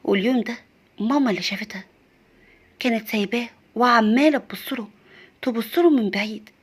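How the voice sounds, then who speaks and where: A woman's voice: on the high side, brisk, slightly rough. A woman with an Egyptian accent narrating as an earnest 32-year-old husband telling his story. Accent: Egyptian Arabic. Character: worried young husband, 32, narrating.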